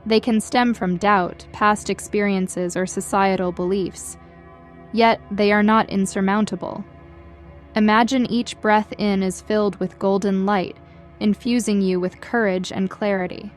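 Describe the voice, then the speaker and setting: A woman leads a guided meditation from a script, her mid-range voice staying fairly level in pitch. She reads softly and calmly at a measured pace while music plays behind her.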